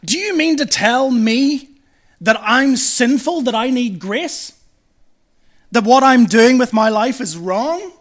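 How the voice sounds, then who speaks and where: A man's voice: high-pitched, lively intonation, unhurried. A man voicing a scornful young Babylonian student who mocks faith with incredulous, sneering questions. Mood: indignant. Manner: sneering, incredulous, mock-offended.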